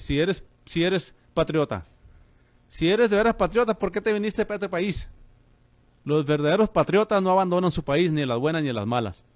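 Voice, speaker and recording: A man's voice: sits high, dry recording. A man preaching on the radio as a pastor and host, fervent and calling listeners brother.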